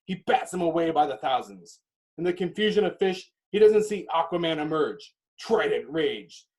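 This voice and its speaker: A narrator reads stage directions from an action script dramatically, his slightly high voice breaking them into punchy, clipped phrases with pauses. His intonation is lively, and his tone a little mellow.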